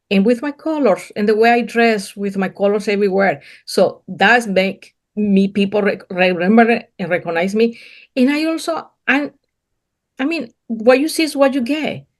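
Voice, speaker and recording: Being interviewed casually as a guest, a middle-aged painting business owner from Colombia speaks English, which isn't her native language, in a mid-range voice. Spanish is her first language, and her thick Colombian accent comes through as she talks earnestly in broken English, repeating words often.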